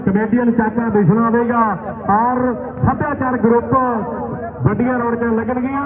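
Man, Punjabi accent, very high-pitched declamatory kabaddi announcing, echoing village loudspeaker, outdoors. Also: fairly even intonation, moderate pace, crowd noise. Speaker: live kabaddi commentator and announcer. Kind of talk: rural sports commentary and announcements. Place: outdoor village sports ground. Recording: tinny echoing PA, distant, noisy.

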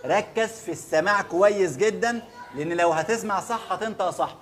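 High-voiced Egyptian man teaching recitation. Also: fairly bright tone. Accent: Egyptian Arabic. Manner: drills words slowly and asks the listener to repeat. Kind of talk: recitation lesson.

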